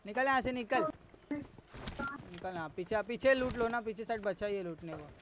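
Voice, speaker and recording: ऊँची आवाज़ वाला गेम स्ट्रीमर आदमी. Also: male voice, high voice, lively intonation, very noisy. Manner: urgent rapid callouts to teammates. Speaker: streamer. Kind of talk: live gameplay squad chat.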